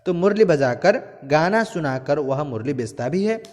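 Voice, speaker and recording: A man's voice: a little high, expressive, moderate pace, a little mellow. Man teaching in a reverberant hall. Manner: explains step by step, glossing hard words, often checks in with "all right". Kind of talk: explaining a textbook story to students.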